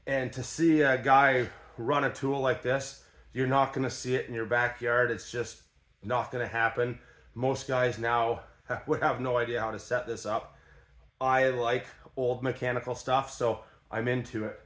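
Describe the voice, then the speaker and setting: A man's voice: mid-range voice, fairly bright tone. A man in his workshop, casually demonstrating an old tool in a folksy, plain-spoken way, with ratchet clicks behind him. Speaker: tradesman demonstrating an antique tool.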